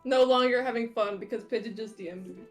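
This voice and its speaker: A woman's voice: a little high, quick pace, soft background music. A woman player chatting casually with a playful, teasing manner. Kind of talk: casual chat.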